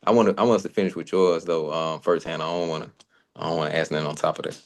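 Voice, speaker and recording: Deep-voiced man in casual chat. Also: rapid-fire. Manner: relaxed, friendly, circles back over his points. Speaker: podcast co-host. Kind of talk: casual conversation.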